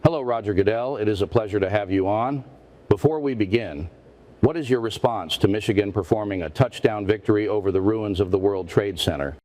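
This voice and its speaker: A man's voice: fairly low pitch, a little fast, darkish tone, natural voice. A man playing a parody news anchor, a stiff, formal, indignant interviewer who presses and repeats himself. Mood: indignant, pressing. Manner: stiff, formal, repetitive, confrontational.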